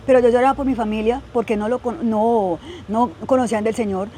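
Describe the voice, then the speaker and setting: A young woman recounts her own story in a podcast interview, earnest and a little hesitant, with many "eh" and "pues" fillers. Her voice sits fairly high. A faint hiss of noise runs under the recording. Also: fairly even intonation, a little fast, warm tone. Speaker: guest sharing her testimony. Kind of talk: podcast interview, personal testimony.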